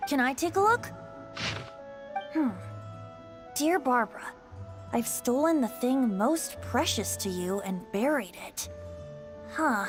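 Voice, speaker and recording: A kind, polite young companion. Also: female voice, sits high, lively intonation, slow pace, long pauses. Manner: polite, gentle. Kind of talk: game cutscene voice acting. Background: game music.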